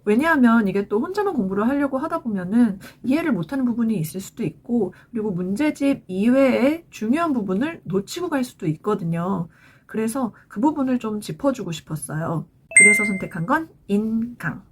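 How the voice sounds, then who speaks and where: A woman's voice: a little high, animated, brisk, slightly rough. A woman in her forties, a parent vlogger giving chatty advice to other parents in a scripted talk to camera.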